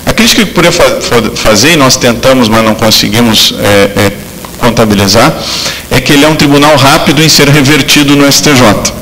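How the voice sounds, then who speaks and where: In a large hall, a southern Brazilian man delivers a law lecture in a medium-pitched, fairly bright voice at a fairly quick pace. He hesitates often, using many fillers and restarting sentences, and the recording is rough.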